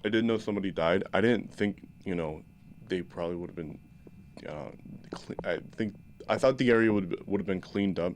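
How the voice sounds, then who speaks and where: A young man with a very deep voice asks his question haltingly, full of fillers and restarts. There is a faint noise behind him. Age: young adult. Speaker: journalism student asking a question. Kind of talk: hesitant question in class.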